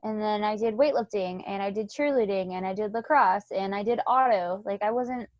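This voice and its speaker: A woman's voice: medium pitch, moderate pace, no echo. A young woman co-hosting a casual home podcast, chatting and teasing in an easygoing way, tired after a morning run. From Florida. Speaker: podcast co-host. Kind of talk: casual chat. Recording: dry, muffled lo-fi home recording.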